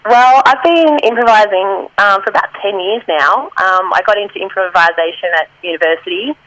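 A woman's voice: mid-range voice, moderate pace, fairly bright tone, no room sound, low-quality recording. Chatty woman improviser. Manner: friendly and chatty, laughs easily. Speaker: improv performer guest. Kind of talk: casual interview chat.

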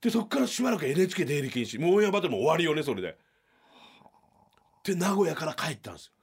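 Middle-aged guy comedian rambling a story quick in a small radio studio, slightly high voice. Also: sing-song, creaky, husky. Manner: acts out quoted shouting with big pitch jumps. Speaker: podcast host, comedian. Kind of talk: animated storytelling.

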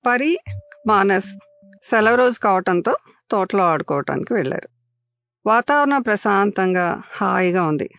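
An older woman hosting a storytelling podcast, narrating children's tales in a lively way and voicing the characters. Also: medium pitch, measured pace, pauses often, dry recording, highs cut off.

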